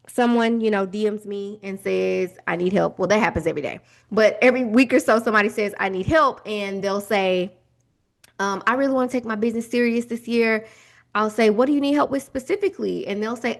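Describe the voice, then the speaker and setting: A woman's voice: on the high side, vocal fry. A young woman, hosting a solo business podcast in a chatty, direct way. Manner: chatty, direct, addresses listeners as y'all and friends. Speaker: podcast host.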